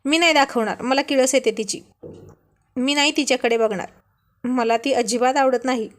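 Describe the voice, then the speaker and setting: A woman's voice: high voice, fairly even intonation, normal speed, natural voice. A woman voicing a fussy, stubborn young wife who is scared of a lizard, talking in squealing, petulant complaints. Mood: scared, sulky.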